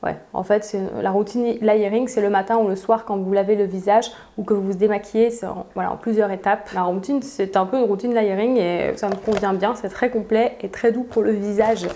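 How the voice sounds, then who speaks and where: A woman's voice: mid-range voice, steady tone, brisk, hardly any pauses, mellow. A young woman chatting casually as she unboxes beauty products, with frequent fillers and easy laughs. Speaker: beauty vlogger.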